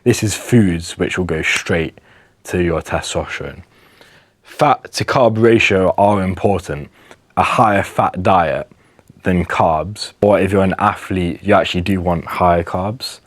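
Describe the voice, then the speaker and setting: A man's voice: low-pitched, measured pace, no room sound. A young man talking earnestly to camera, giving health advice with emphasis and some restarts. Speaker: wellness vlogger. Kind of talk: casual advice monologue to camera.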